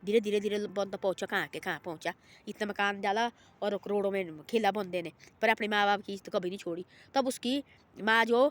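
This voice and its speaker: A woman's voice: medium pitch, a little fast, a bit bright. A woman telling an informal moral story, rambling and repeating herself and voicing the people in it. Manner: rambling and repetitive, voices the people in her story.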